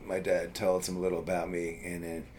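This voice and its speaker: A man's voice: sits low, monotone, fairly quick, a little mellow, slight background noise. Rambling New man telling a story. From US East Coast. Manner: rambling, many fillers and restarts. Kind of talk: casual storytelling.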